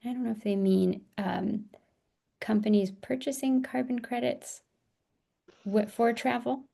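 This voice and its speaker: A woman's voice: a little high, steady tone, unhurried, vocal fry, warm tone. A woman moderating a webinar panel, asking questions in a friendly, informal way over a video call.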